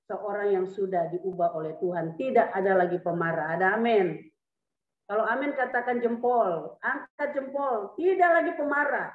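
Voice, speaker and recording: A woman's voice: medium pitch, moderate pace. A woman pastor preaching a sermon with humor, acting out little scenes as she goes. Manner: lively preaching with humor and acted asides. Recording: echoey hall, phone-like sound.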